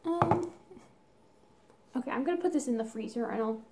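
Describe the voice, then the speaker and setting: Woman vlogger, casual prank video, chatty, bubbly, lively pitch, faint background noise. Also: normal speed. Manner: bubbly, chatty, whispers asides. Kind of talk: casual DIY prank vlog.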